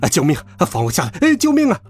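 Man doing a bossy crook, gruff and husky, shrill when scared. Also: huge pitch swings, moderate pace, a bit bright, faint music behind, heavily acted. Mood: panicked. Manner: gruff bark turning to panicked shrieks. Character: blustering mustached gang boss, male adult.

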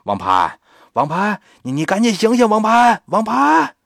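A storyteller putting on a scheming fake Taoist priest, dropping his voice low and sly, then calling out hard and insistent. The sound is dry and close, with no room around it. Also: lively intonation, a little slow, a bit bright, no room sound. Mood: insistent shouting.

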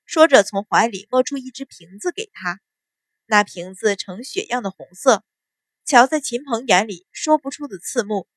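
A woman narrating a novel in an expressive storytelling style. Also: a little high, normal speed, no room sound, clean studio sound. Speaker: audiobook narrator. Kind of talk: novel reading with character voices.

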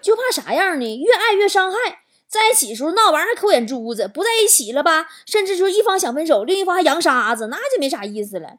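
A woman talk show host, telling stories in an animated, exaggerated comic monologue. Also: very high-pitched, fast talker. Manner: animated, exaggerated storytelling with swearing and laughter. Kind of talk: comedic monologue.

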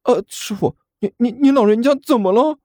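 A man voicing a brash young male apprentice who talks high, excitable and stammering in a storybook reading. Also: normal speed, no room sound, clean studio sound. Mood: excited, complaining.

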